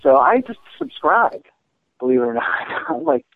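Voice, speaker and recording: A man's voice: medium pitch, sing-song, normal speed, no echo. A man calling a radio show over a phone line, casual and upbeat, often saying "man". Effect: phone-line call-in audio. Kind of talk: casual call-in chat. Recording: tinny phone line, dry.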